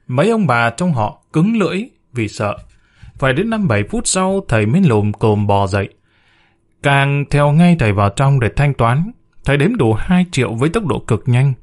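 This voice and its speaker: A man narrating a story aloud with a wry, storytelling tone. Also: mid-range voice.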